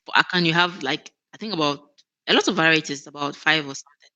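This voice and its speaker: With a crowd audible in the background, a woman speaks fast in a low voice. She's the guest in a conversational interview, an operations manager talking earnestly, often restarting, and laughing easily.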